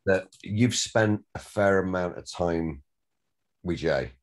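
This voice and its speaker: A man's voice: deep voice, takes it slowly. A man with a Northern English accent, a director giving rambling, encouraging notes to actors at a script read. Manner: rambling, repeats words, swears casually.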